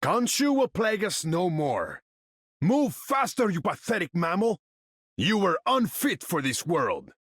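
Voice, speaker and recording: These video game voice lines come from a proud, imperious male sea king warrior, haughty and commanding. His high-sitting, slightly bright voice has a husky grain and huge pitch swings, and he declaims in formal speech in an unhurried, regal, pompous, theatrical way. It's a full character voice, recorded close and dry with no echo.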